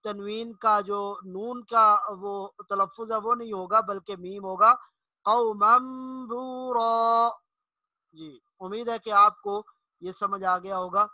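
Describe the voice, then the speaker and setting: A man teaching correct Quran pronunciation in a slow explanatory lesson, drawling each example word and repeating it. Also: sits high, level tone, dry recording, dull audio. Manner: drawls example words slowly and repeats them.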